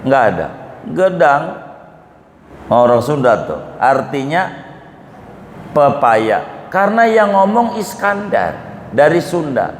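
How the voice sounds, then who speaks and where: A man's voice: fairly high pitch, very animated, slow pace, pauses often, a little hiss or hum. A male religious teacher, giving an Islamic study lecture. He explains Arabic terms step by step and quizzes his audience. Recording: echoey hall with faint ambience.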